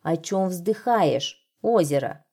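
A woman voicing a wise, calm owl in a storybook, speaking slowly and firmly. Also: lowish voice, heavily acted. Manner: slow, measured, firm.

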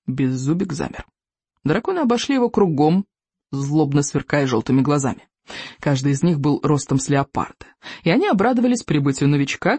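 A narrator reading a children's book aloud with expressive storytelling. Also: medium pitch, husky, no echo. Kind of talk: audiobook reading.

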